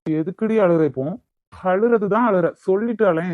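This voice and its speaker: A man's voice: a little high, normal speed, dry recording, lightly acted. A man with a Kanyakumari Tamil accent voicing a bossy, hot-tempered young lover in a cartoon, brusque and demanding. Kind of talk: cartoon voice acting. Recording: dull lo-fi recording.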